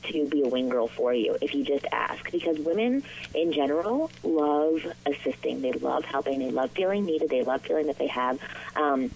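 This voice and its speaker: A woman's voice: low-pitched, lively intonation, normal speed, creaky, a little mellow, slight background noise, rough recording. Earnest woman coaching over the phone. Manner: earnest, encouraging, with some ums. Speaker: guest dating coach. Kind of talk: interview answers. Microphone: phone call.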